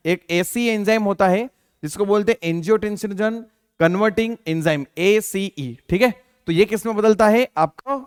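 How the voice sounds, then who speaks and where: A man's voice: high-pitched, clear, resonant tone, dry recording, clean studio sound. A man teaching a biology exam-prep lesson. He asks his students questions, answers them himself, and keeps repeating the key terms with lots of fillers. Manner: calls listeners beta, many fillers like theek hai. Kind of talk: Hindi exam-prep lecture.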